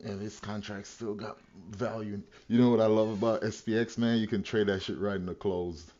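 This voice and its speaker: Male trader streamer, deep-leaning voice, casual foul-mouthed slang, muffled stream sound. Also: steady tone, normal speed, mellow. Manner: slangy, heavy swearing. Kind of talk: live trading stream commentary, casual chat.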